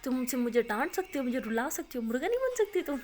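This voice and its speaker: A woman's voice: on the high side, darkish tone, lightly acted. A hurt young college girl, tearful and reproachful, as a woman storyteller puts her on. Her voice is raised a little above normal speech, with plain everyday tone.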